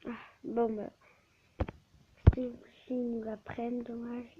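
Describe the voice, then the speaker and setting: A woman's voice: fairly high pitch, little pitch movement, a little slow. A woman giving live gameplay commentary on her channel, often stammering and restarting words, recorded on a tablet mic. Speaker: gaming channel host. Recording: dull lo-fi with faint hiss.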